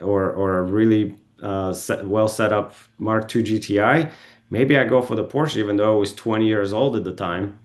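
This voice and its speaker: A man speaks as a podcast guest, his voice sitting a little low. He tells long stories in a relaxed, rambling way, stopping often to correct himself and filling gaps with ums. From Bulgaria. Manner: rambling, self-correcting, with frequent ums and restarts. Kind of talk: casual storytelling interview. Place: podcast studio.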